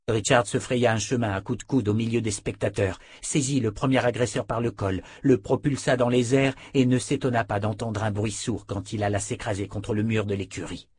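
A man reading a fantasy novel aloud in a steady, measured storytelling voice. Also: fairly low pitch, breathy edge, no echo, clean studio sound. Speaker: audiobook reader. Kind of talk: scripted narration.

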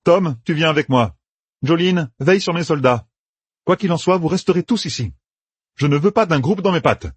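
A man's voice: fairly high pitch, lively intonation, husky, dry recording, pitched above the performer's own voice. A man voicing a hotheaded young soldier-gambler who blusters and curses in an audiobook. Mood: commanding. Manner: loud, blustering, quick to curse.

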